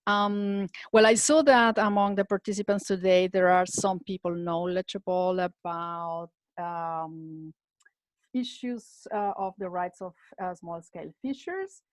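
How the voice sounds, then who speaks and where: A woman's voice: fairly low pitch, no echo. A woman moderating an online panel over a video call, speaking hesitantly with many fillers. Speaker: webinar moderator.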